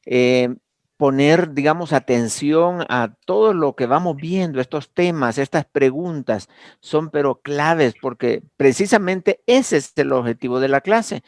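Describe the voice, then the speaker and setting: A man's voice: on the high side, expressive, a little slow, dry recording, studio quality. A man teaching an online Bible class, speaking hesitantly with many fillers and restarts.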